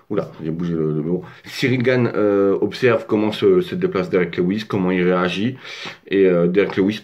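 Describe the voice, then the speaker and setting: A French man at his home desk casually breaks down an MMA fight on his own, rambling with many fillers and restarts. His voice is low and a little mellow, and the audio sounds dull.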